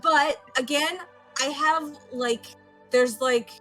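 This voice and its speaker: Woman gamer in casual in-character talk; hesitant, informal, somewhat high pitch, faint music underneath. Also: fairly even intonation, a bit bright. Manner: informal, halting. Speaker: tabletop game player. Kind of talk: casual in-character game chat.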